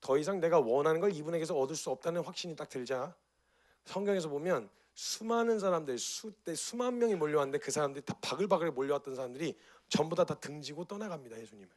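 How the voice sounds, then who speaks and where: Fast-talking animated male preacher. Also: on the high side. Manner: animated storytelling, acting out voices in the story. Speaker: pastor. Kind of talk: sermon.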